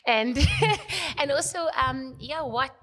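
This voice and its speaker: A woman from Cape Town with a local accent, a podcast guest chatting casually, reflective and quick to laugh. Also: high voice, a bit bright. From South Africa. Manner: reflective, laughs often, searching for words. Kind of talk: casual chat.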